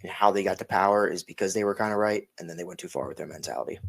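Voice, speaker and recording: A man's voice: low-pitched, racing, gravelly. A tired man co-hosting a casual podcast chat, rambling and correcting himself as he goes. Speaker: podcast co-host.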